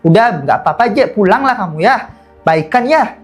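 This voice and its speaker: A man's voice: high-pitched, expressive, moderate pace, soft background music. A man voicing a dismissive male police officer with a Balinese accent, brushing the matter aside.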